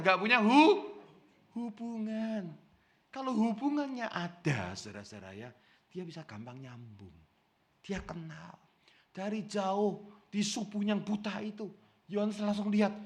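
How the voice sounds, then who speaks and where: A man preaching a sermon as pastor, with an Indonesian accent, swinging between loud bursts and hushed asides and often calling out to his congregation. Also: on the high side.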